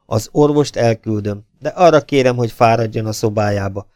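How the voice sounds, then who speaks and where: A man's voice: on the low side, dark tone, dry recording, studio quality, natural voice. A man reading an audiobook voices a sinister middle-aged baron, speaking politely but curtly and firmly, sometimes ceremoniously. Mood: cold courteous.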